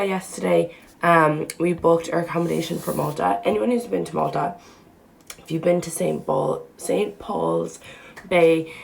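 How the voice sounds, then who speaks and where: A young woman in her twenties chatting rambly in a vlog, full of "like" and "um", her voice hoarse and congested and sometimes fading to a whisper. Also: lowish voice, poor audio. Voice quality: gravelly, sometimes dropping to a whisper. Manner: rambling, peppered with "like" and "um". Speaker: vlogger. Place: at home and in her car.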